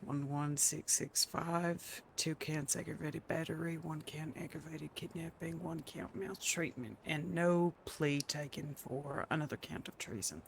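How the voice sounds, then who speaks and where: A man's voice: on the high side, a little slow, creaky, hardly any pauses, slight background noise. A man playing a prosecutor in a role-play courtroom, formally reading out long lists of charges.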